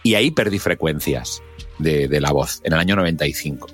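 Animated Spanish man explaining voice skills. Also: very deep voice, a little fast, slightly rough, soft background music. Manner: expressive, acts out shouts and quoted lines. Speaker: radio broadcaster and speaking mentor. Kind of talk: podcast interview, animated explaining.

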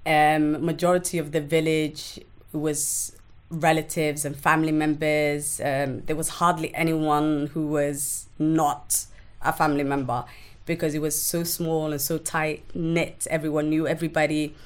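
A woman's voice: low voice, level tone. A woman from Somalia, a podcast guest, talking frankly and earnestly in a candid interview. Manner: frank and earnest, speaks in quick bursts with blunt asides.

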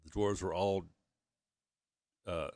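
A man in his fifties, a guest telling his story candidly in a halting way that often restarts with repeated words. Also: low voice, steady tone, darkish tone, no room sound, clean studio sound. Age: 50s.

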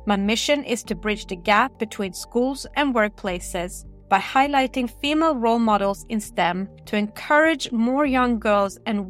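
A woman hosting a podcast, formally reading out prepared questions. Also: mid-range voice. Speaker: podcast host.

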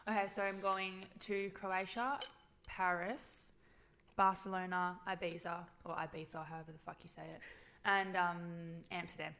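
A woman's voice: lowish voice, level tone, measured pace, vocal fry, a bit bright, a little hiss or hum. A young woman, chatting bluntly and casually with a friend, swearing often. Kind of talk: casual chat between friends.

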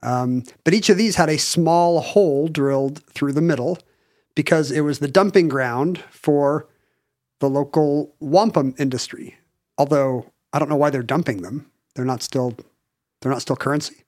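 An American man co-hosting a podcast, rambling and halting, with dry humor. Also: fairly high pitch, darkish tone. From United States. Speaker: podcast co-host. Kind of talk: casual chat. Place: Pacific Northwest.

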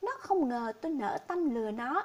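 A woman's voice: high-pitched, expressive, moderate pace, a little mellow. A woman voicing a poor, grieving old village man who speaks sorrowfully and pleadingly.

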